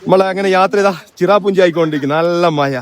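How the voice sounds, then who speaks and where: A man's voice: high voice, rapid-fire. A man with a Malayali accent giving casual, exclamatory vlog commentary, mixing English words into his Malayalam and repeating short phrases. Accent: Malayali, from Kerala. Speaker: travel vlogger on a group trek. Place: outdoors on a rural hill trail. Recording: noisy outdoors, wind and vehicle noise.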